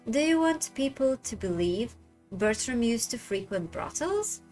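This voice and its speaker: A woman's voice: fairly high pitch, animated, unhurried, a little mellow, faint music behind. A woman voicing a stern upper-class Victorian woman who scolds her younger sister in a haughty manner. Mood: scolding.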